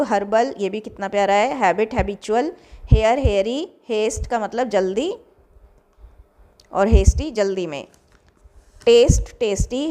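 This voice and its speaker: A woman's voice: medium pitch, a little mellow. A young adult woman with an Indian accent, teaching vocabulary and reading out word pairs with encouraging asides. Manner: reads word pairs aloud, gives Hindi meanings. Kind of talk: vocabulary lecture.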